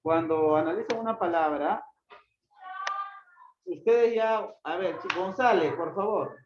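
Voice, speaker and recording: A mid-range, slightly slow voice belongs to a teacher leading a grammar lesson who repeatedly questions students by name and reprimands them for skipping their book review. Loud background noise, echo, and muffled lo-fi audio fill the recording.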